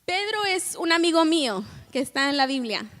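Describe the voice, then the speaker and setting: A high-voiced woman delivers a bilingual sermon, switching between Spanish and English, frequently questioning the congregation and acting out scenes with dramatic quoted lines. She is very animated, fairly bright in tone, and keeps a moderate pace. A church sanctuary's long reverb fills the recording.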